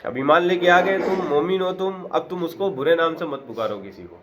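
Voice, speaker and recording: A man with a fairly high-pitched voice teaches a Quran lesson, reciting short Arabic phrases and then explaining each in plain, conversational words with earnest, repetitive emphasis. The sound is lo-fi, with a crowd in the background.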